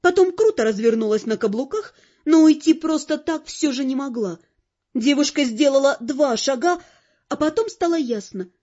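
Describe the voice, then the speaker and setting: Over dull, lo-fi audio, a woman reads an audiobook at normal speed in a high, mellow voice tinged with wry expression. She sticks to scripted narration from start to finish.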